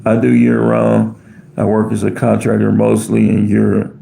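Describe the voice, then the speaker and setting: A man's voice: lowish voice, level tone, normal speed, vocal fry, mellow, roomy sound, a little hiss or hum. An American man hosting a live stream, rambling casually as he answers viewer comments off the cuff. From United States. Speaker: livestream host reading chat.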